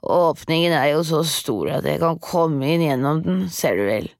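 Woman putting on a gravelly wicked old witch. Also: low-pitched, lively intonation, no room sound, clean studio sound. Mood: scornful. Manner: sly, menacing, drawn-out. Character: wicked old female child-eating witch.

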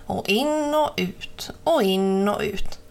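A woman hosting her own channel, reading a picture book aloud gently and expressively. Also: mid-range voice, lively intonation, gravelly. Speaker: children's book reader. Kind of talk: storybook read-aloud.

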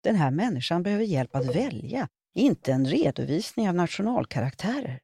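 A woman reading her own humorous column aloud with wry, expressive storytelling. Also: fairly low pitch, vocal fry, slightly rough, no room sound, clean studio sound. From Sweden.

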